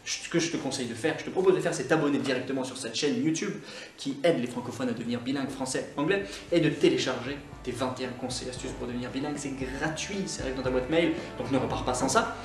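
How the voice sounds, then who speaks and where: Lively Scottish man teaching in a roomy space. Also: mid-range voice, fast talker, soft background music. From Scotland. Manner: lively and chatty, many hesitations. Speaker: online English teacher. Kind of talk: YouTube language lesson. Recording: roomy, distant mic.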